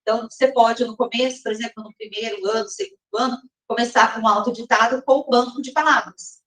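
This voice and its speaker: A woman teacher explaining step by step in a recorded lesson, often checking in with her listeners and reading some passages slowly. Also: on the high side, fairly even intonation, fairly bright tone. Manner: slows down and reads some passages slowly, as if from a text. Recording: roomy echo, mic at a distance.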